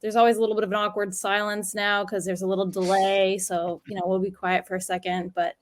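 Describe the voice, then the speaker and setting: A woman's voice: medium pitch, flat delivery, quick pace. A woman hosting a business webinar over a video call, upbeat and chatty. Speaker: webinar host. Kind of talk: casual webinar chat.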